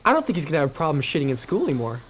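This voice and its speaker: A man's voice: a little high, wildly swooping pitch, rapid-fire, slight background noise. An actor playing a smug teenage male prankster gloating in a teen film comedy.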